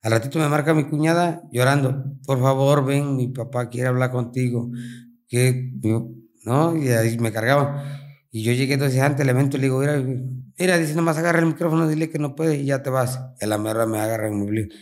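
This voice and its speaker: A Mexican-accented bull rider talks through his stories in a casual interview. His speech is slangy and animated, and his voice sits at an ordinary middle pitch for a man. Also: fast. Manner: colloquial, animated storytelling with slang.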